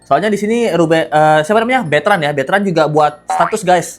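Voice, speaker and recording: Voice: mid-range voice, brisk. A gossip commentary host who chats casually with viewers, teasing and laughing often while reacting to celebrity news. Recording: light background music.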